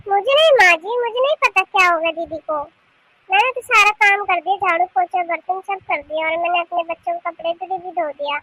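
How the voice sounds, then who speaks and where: A woman voicing a polite, hardworking younger daughter-in-law in an animated cartoon, explaining eagerly and at length. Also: extremely high pitch, a little fast, no echo, low-quality recording.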